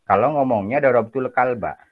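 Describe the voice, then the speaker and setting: A man's voice: mid-range voice, normal speed, phone-quality sound. A man lecturing a class in a casual, chatty way, joking and often asking for agreement. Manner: chatty, jokey, peppers talk with tag questions. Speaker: university lecturer.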